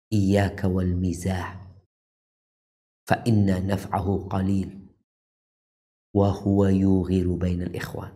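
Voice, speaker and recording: A man preaching a sermon, who moves between calm low talk and raised, emphatic lines and recites Arabic verses slowly. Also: vocal fry. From Indonesia. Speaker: Islamic preacher.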